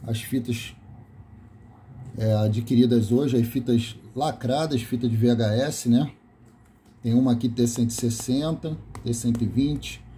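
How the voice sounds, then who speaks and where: A dark-toned, mid-range male voice comes through with slight background noise. He is a Brazilian video host with a Brazilian Portuguese accent, filming his VHS tapes in a small room and reading their labels aloud. The off-camera talk is relaxed and list-like, with self-corrections.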